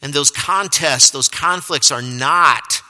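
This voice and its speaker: A man's voice: a little high, takes it slowly, bright, forceful tone. A man preaching a sermon, telling a self-deprecating personal story and chuckling at himself. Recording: long reverb of a large hall.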